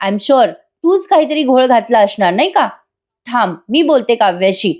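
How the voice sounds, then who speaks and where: A woman's voice: sits high, lively intonation, normal speed, a little mellow. A woman voicing a sweet-talking young woman who meddles and taunts with mock sympathy, in a retold TV-serial scene. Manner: sugary, mock-sympathetic, teasing.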